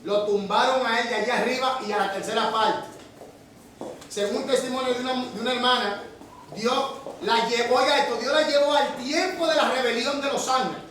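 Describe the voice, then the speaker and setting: A male pastor preaches with dramatic emphasis, rising to shouts and dropping to near-whispers as he tells his story. His voice is strikingly high. The recording is distant, in a hugely reverberant church hall with faint background noise. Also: normal speed. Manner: emphatic storytelling, swings between shouting and hushed tones. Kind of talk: sermon. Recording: echoey church hall from far off.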